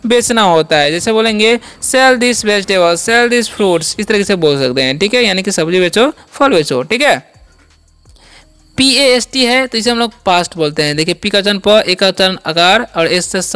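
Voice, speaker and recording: A man's voice: high voice, expressive, normal speed, pushed and bright, smooth, no echo, faint music behind. A man hosting a Hindi-medium English vocabulary lesson, repeating each word's sound and meaning in a question-and-answer teaching manner. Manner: repetitive call-and-answer teaching, asks and answers own questions. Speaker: English teacher and channel host.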